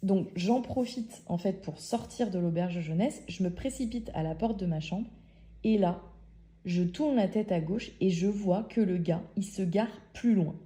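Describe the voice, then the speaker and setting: A young French woman casually telling a personal story as a podcast host, lively and often quoting the people in it. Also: mid-range voice, measured pace. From France.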